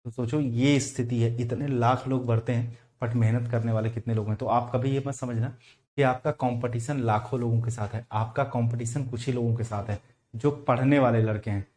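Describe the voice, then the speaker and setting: A male English teacher with a Hindi accent giving an online vocabulary lesson for exam students, explaining slowly, spelling out words and putting questions to the class. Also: medium pitch, steady tone, a little mellow.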